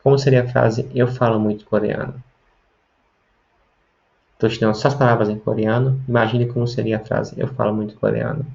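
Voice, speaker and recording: A man's voice: mid-range voice, flat delivery, brisk, vocal fry, darkish tone, muffled recording. A man teaching a video lesson, explaining step by step and often checking in with tag questions. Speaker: language teacher.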